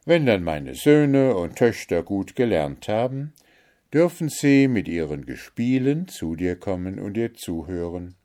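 A kindly older father in a storybook, read by a man, low and calm. He speaks slowly and gently, reassuring and warm.

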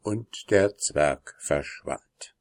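A man reading a fairy tale aloud in a slow, measured way. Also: sits low, lively intonation, vocal fry, dry recording, studio quality. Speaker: narrator.

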